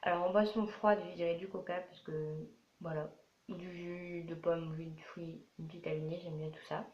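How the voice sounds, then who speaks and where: A twelve-year-old French girl, a young vlogger, rambles and repeats herself while casually answering FAQ questions to camera. Her voice is on the low side and a little mellow, with little pitch movement and a moderate pace. The recording has a roomy echo, a dull sound and faint noise.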